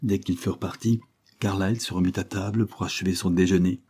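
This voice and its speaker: A man narrating a classic novel as an audiobook, in a steady, even reading. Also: low voice, brisk, husky. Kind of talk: scripted narration.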